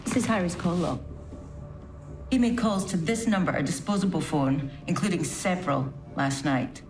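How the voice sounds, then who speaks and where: A lowish-voiced police detective, played by a woman, presses a suspect with pointed questions. Clear music plays under her lines. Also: moderate pace, lightly acted. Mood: pressing. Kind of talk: TV crime drama acting.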